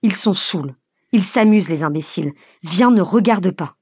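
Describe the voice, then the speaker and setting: Brief: woman voicing a weary father, hushed, husky, soft. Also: lively intonation, moderate pace, dry recording. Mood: weary calm. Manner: low, hushed and soothing. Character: weary, calm father of a boy.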